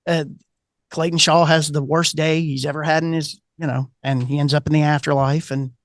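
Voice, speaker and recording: Animated storytelling man, dry audio. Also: a little high, moderate pace, no room sound. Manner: animated anecdote-teller, acts out quoted voices. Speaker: guest author. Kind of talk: casual storytelling interview.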